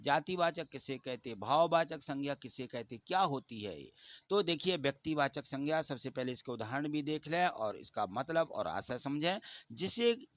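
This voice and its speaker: A man's voice: fairly high pitch, a bit bright, no room sound. A man teaching a school grammar lesson, explaining step by step and asking and answering his own questions.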